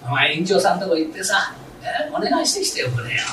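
New mother, coaxing and scolding, voiced by a male storyteller, raised pitch, roomy hall. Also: wildly swooping pitch, brisk, sharp tone, distant mic, exaggerated voice. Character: fussy young wife and new mother. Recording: roomy, noisy recital hall from afar.

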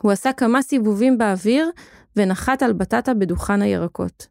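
A woman giving a steady, expressive scripted narration of a children's story. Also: mid-range voice, creaky, no echo, clean studio sound.

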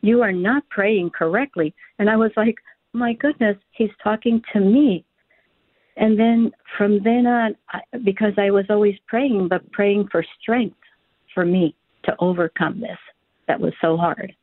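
A woman's voice: medium pitch, no echo. Older woman caller on a tinny phone line. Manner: earnest, halting with many fillers and restarts. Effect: telephone line. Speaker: radio show caller. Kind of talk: telling a personal faith story on air.

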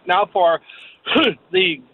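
A man calling in to a radio show, talking plainly and haltingly over a phone line. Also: slight background noise. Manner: plain-spoken, halting with fillers. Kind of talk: casual call-in question.

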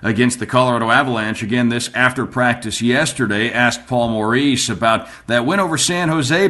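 Male sports recap host, mid-pitched, bright and punchy delivery. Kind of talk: recap narration introducing clips.

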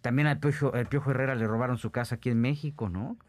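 A man hosts a gossip talk show in an easygoing, rambling way, with plenty of filler words. His voice is mid-pitched. The sound is dry and close to the mic. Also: quick pace, no room sound. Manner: relaxed, uses filler words often. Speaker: entertainment show host. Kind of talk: casual gossip chat.

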